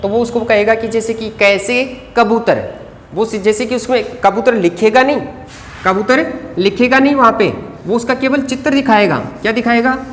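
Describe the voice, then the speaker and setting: A Hindi teacher gives an exam-prep lecture while writing on a board. The teacher asks the class questions, answers them, and dictates notes slowly word by word. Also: mid-range voice. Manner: addresses viewers as friends. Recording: reverberant room with faint background noise.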